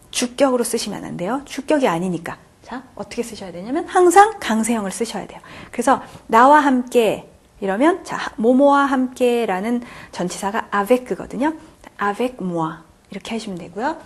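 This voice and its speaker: A woman's voice: fairly high pitch, breathy edge. A woman lecturing on grammar, who talks patiently, keeps repeating key points and often checks in with her students. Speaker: French grammar teacher. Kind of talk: classroom lecture.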